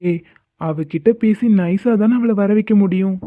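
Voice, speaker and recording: A woman voicing an exasperated young husband in an animated comedy, teasing and pleading with his wife. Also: mid-range voice, normal speed, no echo, natural voice. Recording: tinny phone-like sound.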